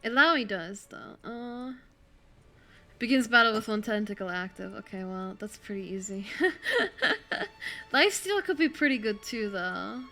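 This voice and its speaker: A woman's voice: mid-range voice, expressive, normal speed, sharp tone, faint music behind. A woman with a German accent streaming a game, chatting casually, thinking aloud and answering her chat. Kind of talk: casual gameplay commentary.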